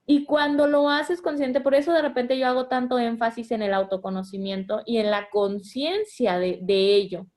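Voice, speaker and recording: A woman's voice: on the high side, normal speed, few pauses, a little mellow. A woman, speaking as a mother in a conversation about raising children, earnest and explanatory, often restarting her sentences. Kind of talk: conversational parenting advice.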